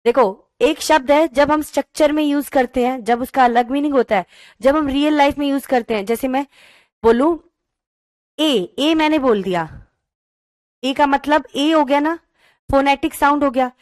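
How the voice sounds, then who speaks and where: A woman teacher giving an online class, explaining slowly and reading questions out word by word. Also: sits high, no room sound, studio quality. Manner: calls students "beta", mixes English into talk.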